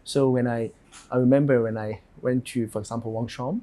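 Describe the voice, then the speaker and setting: Answering interview questions, this thirtysomething architect from Hong Kong speaks Hong Kong-accented English in a hesitant, think-aloud manner. His voice is mid-range, steady, and dark in tone.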